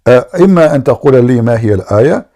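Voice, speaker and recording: His dark, mid-range voice races along expressively as he hosts a heated live debate with a caller. He hammers his questions repeatedly, relaying the caller's remarks to the audience in English and in Arabic.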